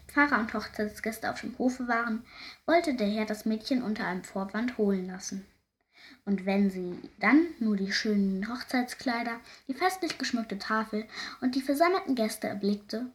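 A woman narrating a folk fairy tale in a lively, expressive way. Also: mid-range voice, moderate pace. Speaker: storyteller.

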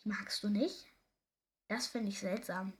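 A woman's voice: medium pitch, steady tone, unhurried, slightly rough. A woman voicing a portly, bewildered king who sounds worried and hesitant. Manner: hesitant, stammering.

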